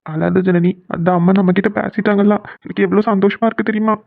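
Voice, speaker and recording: An actor voicing a young husband and emotional son in an animated family cartoon, who teases and then pleads. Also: mid-range voice, fast, vocal fry, dry recording, natural voice. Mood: pleading. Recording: dry, phone-like narrow sound.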